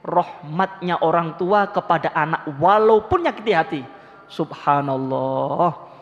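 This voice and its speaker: A man's voice: a little high, unhurried. A male preacher, telling a story animatedly in his sermon and often addressing the listeners. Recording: echoey hall, dull lo-fi sound.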